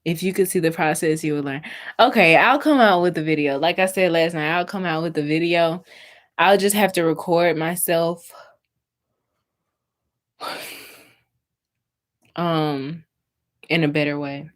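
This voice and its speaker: A woman's voice: deep voice, unhurried, long pauses. A young woman hosting a livestream, chatting directly to her viewers and reading aloud from a book with a few stumbles over words. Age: young adult. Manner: chatty, talks straight to viewers. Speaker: livestream host. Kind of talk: casual livestream chat.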